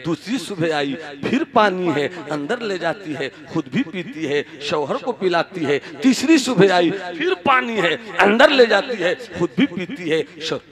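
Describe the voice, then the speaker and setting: A man preaching a dramatic sermon, telling a story with swings from hushed to loud. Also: sits high, lively intonation, measured pace, hardly any pauses. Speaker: Islamic preacher. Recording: live crowd behind. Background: crowd.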